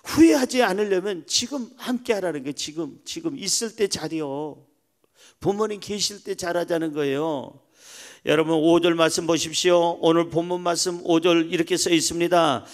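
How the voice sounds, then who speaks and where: A pastor preaching a sermon emphatically, moving between soft asides and loud exclamations. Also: male voice, a little high, moderate pace.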